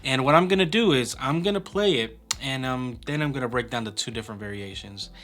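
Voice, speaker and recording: Man, percussion teacher, bright forceful tone, relaxed step-by-step explanation, faint drums behind. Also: mid-range voice, fairly quick, faint music behind. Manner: relaxed, breaks patterns down step by step with fillers. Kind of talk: casual instructional explanation.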